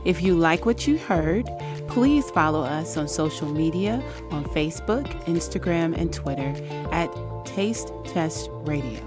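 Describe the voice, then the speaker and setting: A woman co-hosting an entertainment podcast, reading promos in a measured way and chatting about celebrities. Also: deep voice, lively intonation, music in the background. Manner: reads show promos in a measured way. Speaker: podcast co-host. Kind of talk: casual podcast chat.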